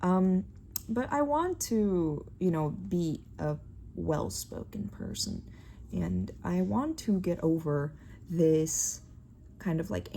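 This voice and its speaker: Young woman from Brazil, Portuguese speaker, hesitant and rambling in a casual diary vlog, low-pitched, faint background noise. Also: creaky, dark tone. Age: young adult. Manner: rambling, hesitant, many fillers. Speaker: vlogger.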